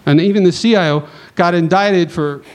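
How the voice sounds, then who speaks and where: A man on a conference panel telling a long anecdote in a casual, animated way, acting out the dialogue and tossing in quick asides. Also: sits high. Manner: animated, acts out dialogue, chatty asides with "right?".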